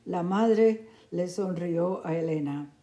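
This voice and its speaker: Slow, dark-toned woman narrating. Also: lowish voice. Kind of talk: slow storybook narration for learners.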